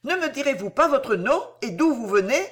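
A frightened, delirious young lady speaks in raised, sharp exclamations, as a woman reads her part. The pitch rides high and swings widely, like a dramatized novel reading. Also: expressive, normal speed. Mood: angry.

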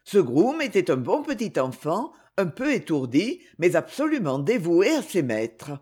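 Expressive woman reading a novel. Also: on the low side, unhurried, husky. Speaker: narrator. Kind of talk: audiobook narration.

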